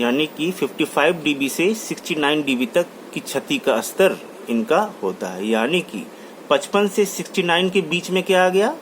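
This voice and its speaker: A man giving a classroom lecture, repeating key terms and restating each point, mixing English terms into his talk. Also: a little high. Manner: mixes English terms into Hindi. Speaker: college lecturer. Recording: faint background noise.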